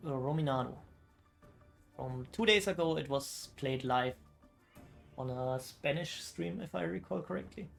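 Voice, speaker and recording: A man casting a card game match as esports commentary, casual and exclaiming, often thinking out loud. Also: a little high, gravelly. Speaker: esports caster.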